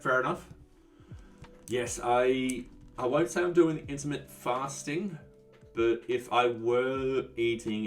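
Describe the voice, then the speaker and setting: With soft music behind him, a man runs a casual live coding stream and replies to chat easily, often letting his thoughts trail off. His fairly low voice sounds far from the mic, a bit off-mic.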